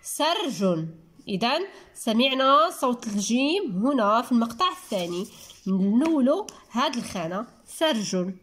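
High-voiced Moroccan woman teaching syllables. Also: big pitch swings, a bit bright. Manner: drawn-out, syllable-by-syllable word spelling. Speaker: primary school teacher. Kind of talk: reading lesson for young children.

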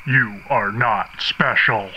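A man voicing a menacing, mocking alien general in a silly parody redub, speaking with ominous deadpan pomposity through a broadcast effect with echoing repeats. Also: lowish voice, highs cut off, noisy background. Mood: ominous, scornful. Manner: ominous, slow, deadpan delivery of absurd threats.

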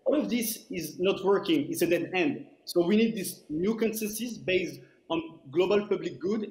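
A man on a video call with a headset, answering as a panelist in a halting way with many fillers. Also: sits high, darkish tone. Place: video call in front of green screen. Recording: roomy echo.

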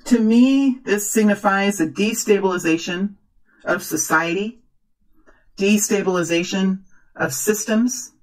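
Female tarot fortune teller, medium pitch, earnest halting phrasing with repetitions, unscripted reading. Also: poor audio. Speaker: tarot reader, host.

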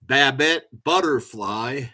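Male storyteller reading a children's tale, slow and measured, mid-pitched. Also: bright, forceful tone.

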